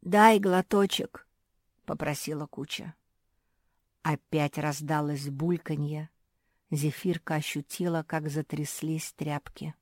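A woman narrating a children's story in an expressive, measured way. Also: low voice, dry recording, clean studio sound. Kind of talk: storybook reading.

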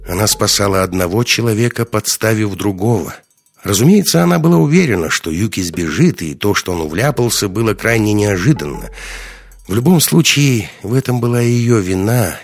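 Low-voiced male audiobook narrator. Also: dry recording. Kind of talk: scripted narration.

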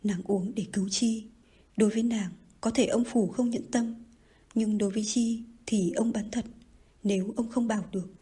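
Woman audiobook narrator, very breathy, soft delivery. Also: medium pitch, steady tone, normal speed.

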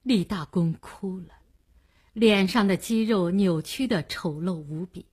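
A woman narrating a novel in a slow, dramatic storytelling manner. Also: medium pitch, darkish tone, breathy edge. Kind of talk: audiobook narration.

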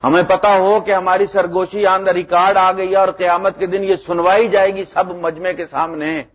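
Animated middle-aged male preacher, muffled recording. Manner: animated, swings between loud emphasis and low asides. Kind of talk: sermon.

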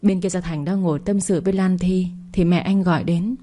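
A woman tells a serialized story in storybook narration, reading it steadily and evenly. Her voice sits low, with a warm, mellow tone. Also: steady tone, a little fast.

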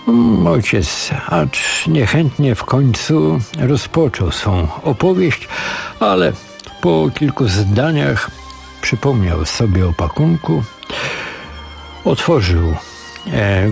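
A man on the radio in a studio, reading a story aloud informally with relaxed, chatty asides. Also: medium pitch, extremely slow, vocal fry, faint music behind. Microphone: studio microphone.

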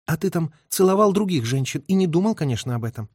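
Bitter young wartime nurse, raised pitch, stubborn reproachful tone, dry close sound, read by a man. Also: animated, quick pace, darkish tone, breathy edge, dry recording. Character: young woman, army nurse, bitter and tearful.

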